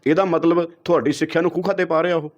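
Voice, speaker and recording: A man's voice: fairly high pitch, fairly even intonation, very fast. A man with a Punjabi accent, a guest giving heated interview answers, lecturing and throwing out rhetorical questions. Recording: dull lo-fi recording.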